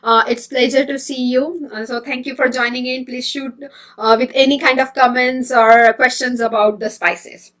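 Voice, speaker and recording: A woman hosts a casual live stream, her voice sitting a little above the usual range. She talks in a friendly, chatty way, pausing often with ums and uhs and restarting sentences. She greets viewers by name as she goes. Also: high voice, fairly even intonation, fairly bright tone. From India. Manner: chatty and hesitant, many fillers and restarts. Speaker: host of a healthy-eating live stream.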